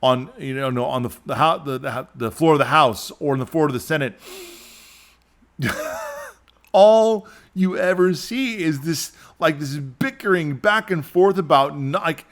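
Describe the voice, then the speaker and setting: Male podcast host, slightly higher voice, exasperated opinionated monologue. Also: measured pace. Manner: animated, exasperated ranting with mocking impressions.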